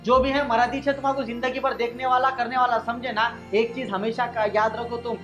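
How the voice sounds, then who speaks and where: A man's voice: very high voice, flat delivery, fairly bright tone, dull audio, soft background music. A man playing a son who lectures his mother and in-laws in a comic family skit. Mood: lecturing. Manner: fast, preachy, lecturing. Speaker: son and peacemaker in a family sketch.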